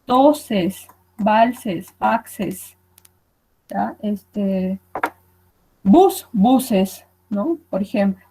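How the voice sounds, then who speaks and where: A woman's voice: mid-range voice, lively intonation, drawn-out words, warm tone, a little hiss or hum, rough recording. A woman teacher gives a recorded online lesson, explaining patiently and checking in with her students as she goes. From Peru.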